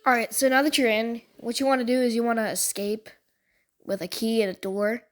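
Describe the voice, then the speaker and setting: Her voice is a little high and fairly quick as she walks viewers through a game, chatting informally in gamer slang. She is a video creator and level maker, and music plays behind her.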